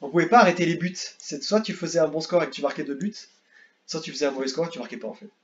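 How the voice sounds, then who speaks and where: Rambling young French gamer, lo-fi mic. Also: male voice, a little high, racing. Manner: rambling, repeats words, excitable bursts. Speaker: gaming youtuber. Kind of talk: casual tier-list commentary.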